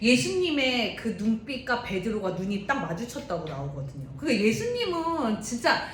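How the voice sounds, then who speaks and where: Lively woman retelling a Bible story. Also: moderate pace. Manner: lively, chatty, asks the class questions. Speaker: Bible teacher for youth. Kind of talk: animated Bible storytelling lesson. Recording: roomy echo, faint rumble.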